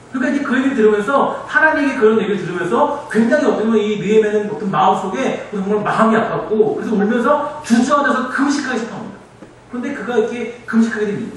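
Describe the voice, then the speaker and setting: A man delivers an earnest sermon and keeps asking the congregation questions. His voice sits high, swoops widely and moves fast. It is recorded from afar in a very echoey hall with faint background noise. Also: far from the mic. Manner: earnest, animated preaching with frequent rhetorical questions. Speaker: pastor. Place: church sanctuary.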